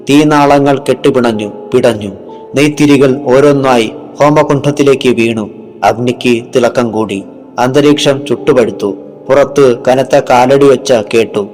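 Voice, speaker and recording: A man telling a horror story in a dramatic, measured scripted narration. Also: medium pitch, darkish tone.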